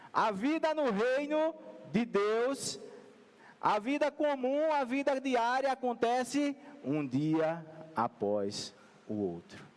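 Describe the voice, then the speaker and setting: A young Brazilian pastor tells a family story from the pulpit, voicing his son and himself along the way. His voice sits high for a man. Long reverb from the hall trails each phrase. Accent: Brazilian Portuguese. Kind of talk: sermon with personal story.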